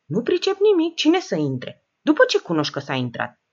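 A woman's voice: fairly high pitch, huge pitch swings, husky, muffled recording, pitched above the performer's own voice, full character voice. Woman voicing a scolding, sarcastic old woman. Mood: scornful. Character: sharp-tongued rich old woman, mocking and shrewd.

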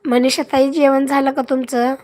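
Hoarse high-voiced woman hosting a livestream. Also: level tone, moderate pace, a little mellow. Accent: Marathi. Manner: greets and thanks viewers by name, asks for comments. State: hoarse from a cough. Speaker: live stream host. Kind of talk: casual live stream chat with viewers.

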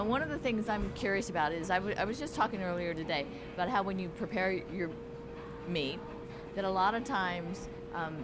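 A woman interviewer in a small restaurant, chatty and animated, laughing easily with her guest. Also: medium pitch, noisy background. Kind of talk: casual interview. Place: small restaurant with street noise.

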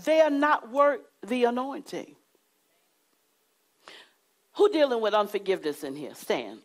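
Middle-aged woman preacher, lively delivery with wide pitch swings, emphatic, lapel mic. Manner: animated, emphatic, with dramatic pauses and shifts to a hushed voice. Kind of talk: sermon. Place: church studio with curtain backdrop.

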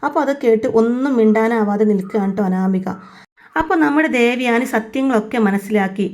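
A woman's voice: fairly high pitch, fairly quick, a little mellow. A woman giving a chatty, conversational recap of a TV serial episode. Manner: chatty storytelling, conversational tags. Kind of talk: casual serial recap narration.

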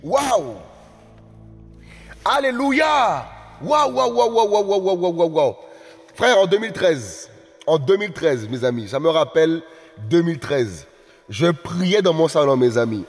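A man with a high voice preaches a live-streamed sermon, exclaiming and repeating phrases as he builds toward shouted appeals. His voice rings with a long reverb, and soft music plays underneath. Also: animated, moderate pace. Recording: reverberant room with faint music.

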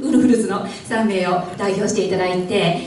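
A woman's voice: mid-range voice, fairly even intonation, fast, darkish tone, slight background noise. A woman hosting a press event as emcee, speaking politely and formally in an echoey hall from a distance. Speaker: master of ceremonies.

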